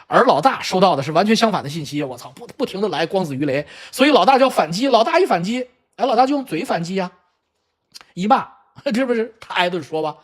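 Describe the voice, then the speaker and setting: A middle-aged livestream host chats casually from home in Vancouver, spinning lively family tales with cursing and laughs, mimicking kids' voices in the quoted lines. He speaks fast in a high voice with big swings in pitch.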